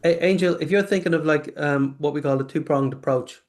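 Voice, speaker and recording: Man from the UK in a casual interview; halting, restart-heavy delivery. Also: a little high. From United Kingdom. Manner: halting, many restarts and fillers. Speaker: probiotics company guest.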